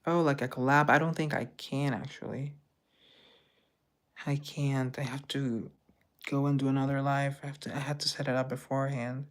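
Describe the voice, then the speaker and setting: This is a man's mid-range voice, level in tone and at normal speed. He hosts a casual social media live on a phone mic, reading out viewer comments and answering them in a joking, teasing, chatty manner.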